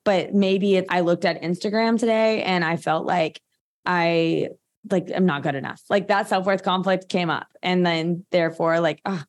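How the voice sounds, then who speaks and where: A woman's voice: on the low side, fairly even intonation, normal speed. A woman, talking as a guest practitioner in a casual interview, chatty and full of filler words. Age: 30s.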